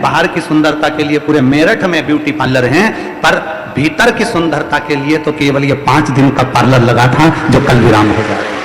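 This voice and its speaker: Faint music, long reverb, and an echoey hall sound surround this sermon, along with slight background noise. A man with a fairly high, somewhat bright voice and a Madhya Pradesh Hindi accent preaches devotionally to a large outdoor religious crowd, repeating lines with rhetorical emphasis.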